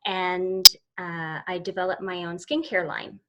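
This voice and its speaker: A woman in her 40s from Eastern Canada, a summit founder, tells her story as an interview guest in a casual, rambling way, full of restarts and "so"s. Her voice is lowish and level, and she speaks unhurriedly. The audio is dull and very noisy.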